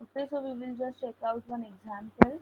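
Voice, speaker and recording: A woman's voice: fairly high pitch, fairly even intonation, phone-quality sound, heavy background noise. A woman teaching a programming lesson over a video call, explaining step by step and often saying okay. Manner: explanatory, fills pauses with okay. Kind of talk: online programming lecture.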